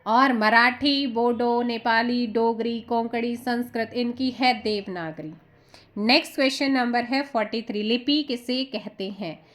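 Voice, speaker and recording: Woman coach, somewhat high pitch, drills answers by asking and repeating. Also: fairly bright tone. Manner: repeats answers with quick rhetorical checks. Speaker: exam coaching teacher. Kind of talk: quiz-answer lesson.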